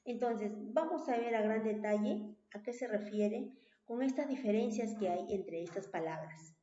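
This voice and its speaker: Woman teacher, talks slow and patient, keeps checking "right?", mellow voice, echoey dull recording. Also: a little high, a little hiss or hum. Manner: patient, repeats points with tag questions. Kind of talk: recorded online class.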